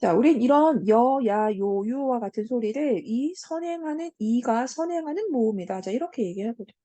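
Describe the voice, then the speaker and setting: Lively, warm-voiced woman teaching grammar. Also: fairly high pitch, dry recording. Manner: fills pauses with "자" and "음", asks the class check questions. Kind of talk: online lecture to high school students.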